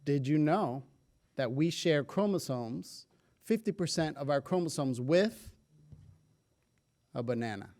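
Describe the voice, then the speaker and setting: A man giving a public talk to an audience, telling stories with jokes in an energetic way. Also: on the high side, a little slow, long pauses. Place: lecture hall.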